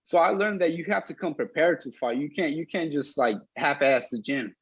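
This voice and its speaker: Young male athlete interviewee, rough husky tone, casual and plain-spoken, dull recording. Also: a little high, moderate pace, dry recording. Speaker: boxer being interviewed.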